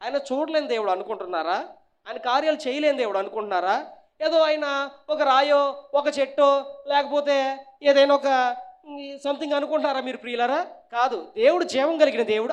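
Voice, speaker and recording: A man preaching as pastor, asking the congregation questions and prompting them to answer, swinging between loud and hushed. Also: very high-pitched. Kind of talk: sermon.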